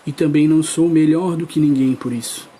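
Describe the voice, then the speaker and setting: Male preacher, earnest testimony delivery, pitched slightly high, mellow tone. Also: fairly even intonation, a little fast, husky. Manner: earnest, addresses the crowd directly. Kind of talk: testimony sermon.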